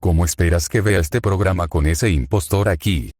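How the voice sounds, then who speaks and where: A synthetic male voice reading the lines of a vengeful, hateful young woman in a fan story, in a flat delivery. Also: deep voice, moderate pace, no room sound, studio quality. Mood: furious.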